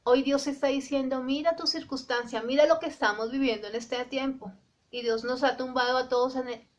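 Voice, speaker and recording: A woman preaching a sermon with a fairly high voice. She speaks earnestly and straight to the listener, slowing down for quoted scripture and sometimes restarting a word. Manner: earnest exhortation, addressing the listener directly; restarts and repeats words.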